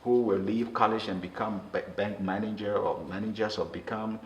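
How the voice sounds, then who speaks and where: A man talks earnestly as an interview guest, stumbling over and repeating words as he goes. His voice sits on the low side. The recording has a roomy echo and a faint hiss underneath. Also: steady tone, highs cut off. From Liberia. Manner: earnest, with many halting restarts.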